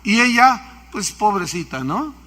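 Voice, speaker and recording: A man's voice: high voice, sing-song, a little slow, sharp tone. A man, preaching a sermon as a pastor, telling stories and asking his listeners questions. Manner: storytelling, asking the audience questions.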